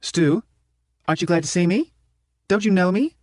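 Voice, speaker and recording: A man putting on a lively teasing woman. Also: high-pitched, normal speed, no echo, clean studio sound, pitched above the performer's own voice. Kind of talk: audiobook character voice.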